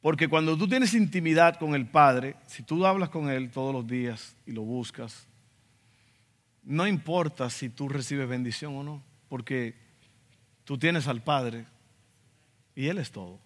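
The speaker is a man of medium pitch who talks at a measured pace. A pastor from the Dominican Republic with a Dominican accent, he preaches emphatically in a church sanctuary and acts out quotes in asides, with the church hall's reverb audible.

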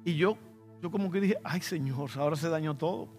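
Soft music underlies the slightly high, somewhat quick, darkish voice of a Dominican pastor. Speaking with a Dominican Spanish accent, he preaches conversationally, sharing personal anecdotes and erupting now and then into emphatic bursts.

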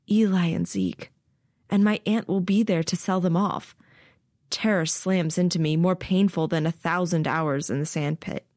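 A woman's voice: on the low side, no echo, clean studio sound. Woman author narrating an audiobook. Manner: measured, steady storytelling.

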